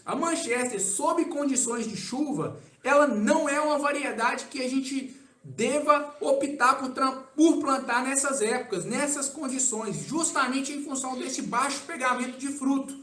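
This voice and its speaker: High-voiced Brazilian man in an echoey room. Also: unhurried. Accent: Brazilian Portuguese. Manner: casual, relaxed, keeps adding "tá?" as a tag. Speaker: agronomy consultant answering viewer questions. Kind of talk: live-stream Q&A.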